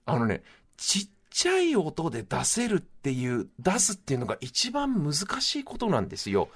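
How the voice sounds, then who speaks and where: A man's voice: on the high side, wildly swooping pitch, moderate pace, fairly bright tone, slightly rough. A man in a radio studio giving a music commentary, explaining his points in an emphatic, teacherly way. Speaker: music columnist.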